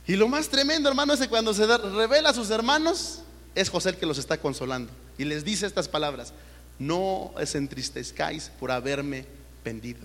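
A man's voice: sits high, big pitch swings, fast, fairly bright tone. A man preaching a sermon in church. He asks the congregation rhetorical questions and keeps calling them brother. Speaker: pastor. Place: church sanctuary. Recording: long church hall reverb.

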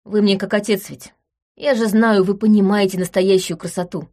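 A woman's voice: mid-range voice, fairly even intonation, normal speed, darkish tone, close to an everyday voice. A woman reading an audiobook voices an agitated, stubborn young man close to tears. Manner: heated, stubborn, near tears.

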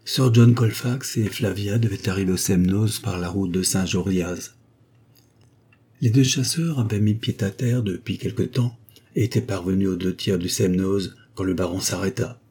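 A man reads a classic novel in a steady, measured audiobook narration. His voice sits low and dark, with a husky grain. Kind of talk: scripted narration.

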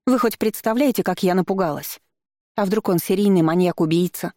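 A reader voicing a loud, stout middle-aged woman who shrieks her complaints indignantly at an investigator. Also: mid-range voice, a little fast, no echo, clean studio sound, pitched above the performer's own voice, natural voice. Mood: shrill indignation.

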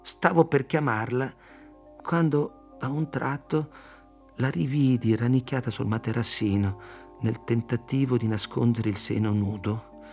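A man reading a literary novel aloud, in a measured, even storytelling manner. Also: medium pitch, faint music behind. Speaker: audiobook reader. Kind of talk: literary audiobook narration.

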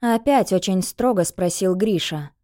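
A woman narrating an audiobook in a calm, even storytelling voice. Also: medium pitch, measured pace.

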